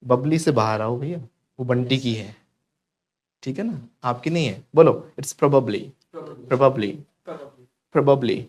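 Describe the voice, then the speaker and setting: A man's voice: medium pitch, unhurried, darkish tone. A man with an Indian accent teaching a live spoken English class, joking playfully and repeating words over and over as drills.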